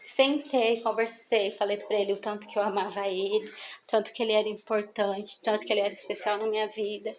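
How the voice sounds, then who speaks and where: A woman's voice: medium pitch, flat delivery, fairly quick, echoey room, a little hiss or hum, rough recording. A mother talking earnestly to an audience about raising children, repeating her phrases for emphasis. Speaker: mother speaking on parenting. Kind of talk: testimonial talk to an audience.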